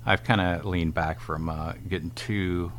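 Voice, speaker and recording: Casting: low-pitched male podcast host, halting and hesitant, casual swearing. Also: steady tone, a bit bright, slight background noise.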